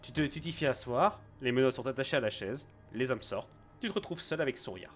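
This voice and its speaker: A man with a mid-pitched voice leads a tabletop role-playing game. He improvises narration and questions players, searching for words, with music underneath. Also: expressive, fast talker, fairly bright tone. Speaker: game master. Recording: music behind the voice.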